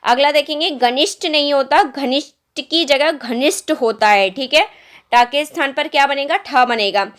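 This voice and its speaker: A woman's voice: sits high, moderate pace, a bit bright. A young woman teaching Hindi spelling for competitive exams, patiently repeating each word and asking rhetorical questions. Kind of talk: exam-prep spelling lesson.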